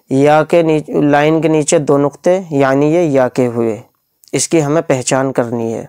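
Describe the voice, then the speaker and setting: A man teaching beginners to read the Quran with tajweed, stretching out each letter name slowly and explaining patiently step by step. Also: a little high, darkish tone, clear, resonant tone, no room sound, clean studio sound.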